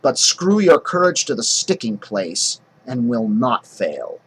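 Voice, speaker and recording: A man reading a scheming noblewoman's speech aloud in his own husky voice, as a classroom demonstration. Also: medium pitch, very animated, slow, a bit bright, full character voice, low-quality recording. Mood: rushed. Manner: plain classroom reading of verse. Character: scheming noblewoman urging her husband.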